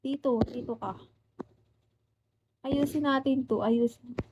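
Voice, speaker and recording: Young woman, Filipino accent, live stream chat, high-pitched, lo-fi phone audio. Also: steady tone, slow pace, very noisy. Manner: chatty, greets viewers by name.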